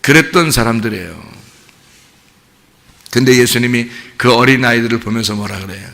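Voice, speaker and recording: Gravelly, bright-voiced pastor in a reverberant church. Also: male voice, medium pitch, moderate pace. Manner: acts out quoted voices and swings from hushed to shouting; conversational, asks the congregation questions and laughs often. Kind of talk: sermon. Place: church sanctuary. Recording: long reverb of a church hall.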